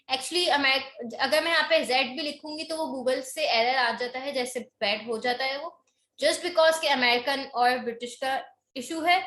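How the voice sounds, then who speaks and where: A woman teaching an English grammar lesson online, explaining in Hindi mixed with English, reading definitions slowly and often checking in with "okay?". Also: high-pitched, sharp tone, reverberant.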